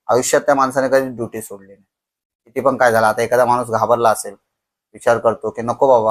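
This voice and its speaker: On a podcast, a young man tells a horror story slowly and dramatically, his medium-pitched voice dropping to a hush at the tense moments.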